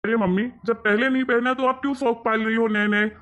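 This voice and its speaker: A man's voice: very high-pitched, fairly even intonation, brisk, fairly bright tone. A man voicing an angry grown son in a cartoon story, scolding and mocking as he talks. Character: angry grown son scolding his mother over money. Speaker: cartoon character. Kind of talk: Hindi cartoon story voice acting.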